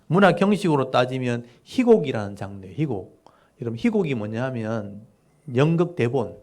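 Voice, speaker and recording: Gravelly-voiced man preaching a sermon. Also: medium pitch, a little mellow. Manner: explains scripture emphatically, rhetorical questions. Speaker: pastor. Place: church sanctuary.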